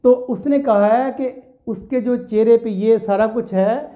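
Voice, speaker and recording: A teacher from Pakistan, with a Pakistani accent and a very high voice, gives a classroom lecture on a poem at a measured pace. He explains step by step, repeats his phrases and mixes English terms into his talk. The sound is tinny and lo-fi, like a phone.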